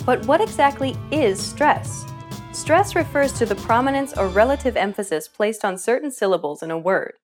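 A woman hosting a pronunciation course, narrating a scripted lesson in a clear, explanatory teacher's manner. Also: fairly high pitch, lively intonation, moderate pace, faint music behind. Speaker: language course host.

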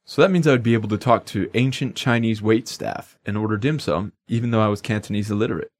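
A man's voice: fairly low pitch, quick pace. A man co-hosting a language lesson podcast in upbeat, jokey scripted banter.

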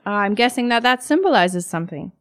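A woman co-hosts a scripted educational podcast, asking curious, friendly questions and adding her own notes. Her mid-range voice is fairly quick with lively intonation, and soft music plays in the background.

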